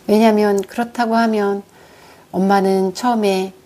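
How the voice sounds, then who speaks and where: A middle-aged woman telling her own story in an earnest, candid way, calmly retelling talks with her mother. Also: mid-range voice, moderate pace. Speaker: vlogger. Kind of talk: reflective personal talk.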